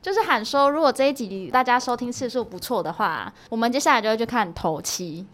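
A woman co-hosting a casual podcast, speaking a little higher than most women. She talks quickly and playfully, tossing out deadpan jokes. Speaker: podcast co-host. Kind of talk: casual chat.

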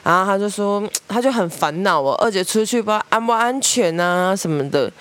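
A young woman with a Taiwanese Mandarin accent, hosting a podcast and telling family stories in a lively way, acting out relatives' voices. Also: medium pitch, brisk, dry recording. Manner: lively storyteller, mimics family members, laughs often. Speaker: podcast host. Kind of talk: storytelling monologue.

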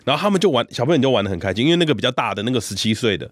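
A man with a Taiwanese Mandarin accent, a podcast co-host telling a story in casual chat, animated and often laughing as he goes. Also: medium pitch, very fast, no room sound.

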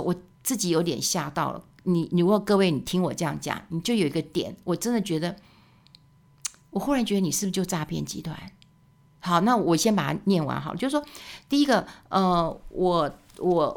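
A woman hosts her own podcast in a casual, rambling monologue. Her voice sits fairly low and has a gravelly, fry-touched texture. She keeps the talk loose and chatty, sprinkling in tag particles and fillers. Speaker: podcast host.

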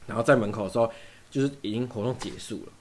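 A man's voice: medium pitch, steady tone, very fast, a little hiss or hum. A young man from Taiwan telling a long story in casual chat, acting out both sides of every exchange. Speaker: podcast guest.

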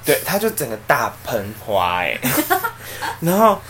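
A man, co-hosting a podcast and telling a story in a casual, animated way. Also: mid-range voice, takes it slowly, a little hiss or hum. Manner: animated, acts out the people in his story. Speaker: podcast co-host.

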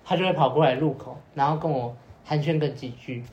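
A man's voice: a little high, a little fast, darkish tone, lo-fi sound. A young man, casually telling a long story on a podcast, rambling with repeated fillers and acting out what people said. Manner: rambling, many repeated fillers, acts out quoted lines. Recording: roomy echo with faint noise.

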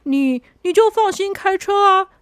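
A woman's voice: extremely high pitch, expressive, no echo, studio quality, pitched above the performer's own voice. A woman voicing a careless, easygoing guide who drawls and hurries others along. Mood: breezy. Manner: easygoing, drawn-out.

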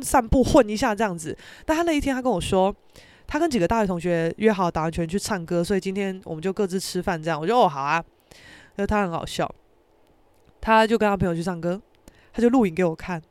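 A young woman with a Taiwanese Mandarin accent, hosting a podcast and telling a story in casual talk, acting out her friends' lines in a high, excited voice. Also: dry recording. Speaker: podcast host.

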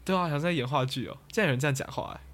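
A man's voice: a little high, very fast, a bit bright. A young man telling a rambling story as a podcast co-host, trailing off and restarting. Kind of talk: casual chat.

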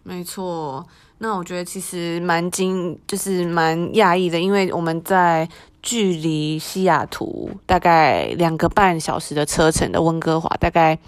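A woman's voice: fairly low pitch, fairly even intonation, measured pace. A woman podcast co-host with a Taiwanese Mandarin accent, discussing news casually and conversationally.

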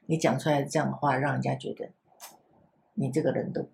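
An older woman with a Taiwanese Mandarin accent, a grandmother and former kindergarten teacher, chatting on a podcast and gently acting out how she talks to children. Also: very deep voice, flat delivery, fairly quick, creaky, slight background noise. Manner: gentle, repeats herself, acts out soft talk to children. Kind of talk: casual podcast chat.

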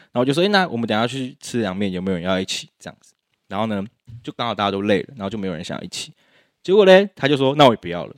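Brief: young man, rapid and animated, dry close sound. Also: medium pitch, dry recording. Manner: animated storyteller, laughs often. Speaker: podcast guest. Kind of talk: casual chat.

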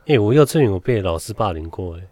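A man's voice: on the low side, expressive, fast talker, a little mellow, no echo. A man with a Taiwanese Mandarin accent telling a childhood story on a casual podcast, swearing casually and laughing often. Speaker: podcast host.

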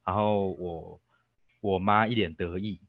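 A man's voice: low-pitched, fairly even intonation, unhurried, creaky, no room sound, phone-quality sound. A young man with a Taiwanese Mandarin accent, a podcast guest casually telling a personal story, rambling and restarting with fillers. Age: young adult. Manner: rambling, self-interrupting with fillers.

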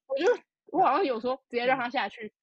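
A young woman, telling a story in casual podcast chat, animated and full of fillers. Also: high-pitched, fast, husky, no room sound. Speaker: podcast co-host. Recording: dull lo-fi podcast audio.

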